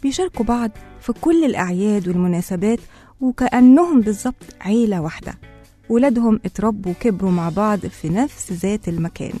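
A woman's voice: mid-range voice, lively intonation, fast, warm tone, soft background music. A woman radio host with an Egyptian accent, telling a tale in the manner of a traditional storyteller. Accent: Egyptian Arabic. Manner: storyteller opening a folk tale. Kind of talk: radio monologue told like an old tale.

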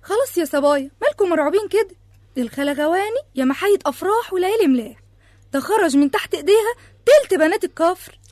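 An actress with an Egyptian accent playing the mayor's sharp-tongued wife, the mother of the groom, who answers with quick retorts. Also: extremely high pitch, expressive, no room sound. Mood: bickering.

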